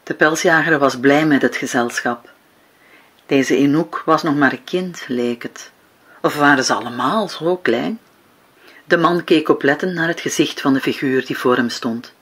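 A woman reading her own novel aloud as an audiobook, in a calm, measured way with slow, weighty pauses. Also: sits low, breathy edge. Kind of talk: audiobook narration.

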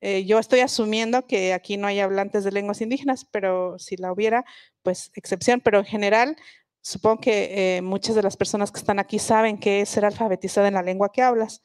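Her voice is mid-range, steady, brisk and a little mellow, with a clear, resonant tone and no room sound in the dry, close capture. She is a reflective guest linguist from Oaxaca, Mexico, native in Mixe, explaining ideas at a book festival talk with many restarts.

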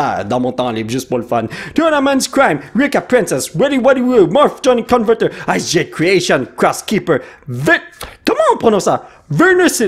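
A man, giving excitable, casual commentary while opening trading cards, reading out card names and dropping English exclamations. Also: high voice, breathy edge.

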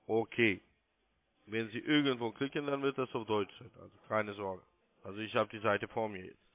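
Over a muffled narrow-band phone line, a call centre sales agent with a lowish, fairly even voice walks the listener through instructions at a moderate pace. He is insistent and repetitive, and the recording itself is dry.

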